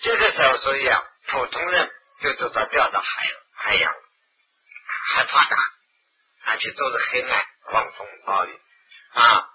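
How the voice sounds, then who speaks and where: A man giving an animated Buddhist dharma lecture to an audience, acting out scenes with loud exclamations, on a dull lo-fi recording. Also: medium pitch, moderate pace, slight background noise. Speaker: Buddhist teacher.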